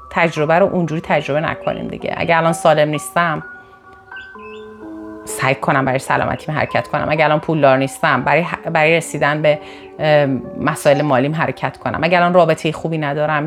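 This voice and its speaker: A woman from northern Iran giving an animated motivational talk to her viewers. She often jumps up in pitch for emphasis and restarts or corrects herself mid-sentence. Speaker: motivational speaker. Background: faint background music.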